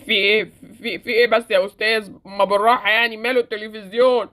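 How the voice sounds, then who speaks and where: A woman's voice: mid-range voice, fairly even intonation, fast talker, a bit bright, close to an everyday voice. A woman doing a nervous Egyptian shopkeeper. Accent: Egyptian Arabic. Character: nervous male TV shop owner. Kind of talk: Roblox story drama.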